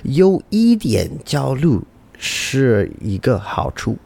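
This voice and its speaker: Guy w foreign accent speaking mandarin as english native, really slow n halting, lazy drawl, lively up and down pitch. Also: gravelly, husky. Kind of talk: casual chat.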